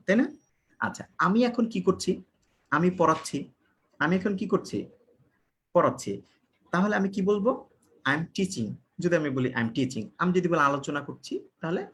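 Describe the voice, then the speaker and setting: A man from Bangladesh gives an online English grammar lesson, his voice sitting a little high. He keeps asking the class questions and answering them himself. Key words get repeated and spelled out slowly. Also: lively intonation. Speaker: English teacher.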